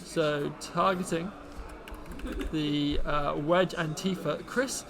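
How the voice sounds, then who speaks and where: A young man co-hosting a card tournament stream, calmly explaining each play in casual commentary. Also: on the high side, slow pace, vocal fry, over music. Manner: relaxed, explains the game plays.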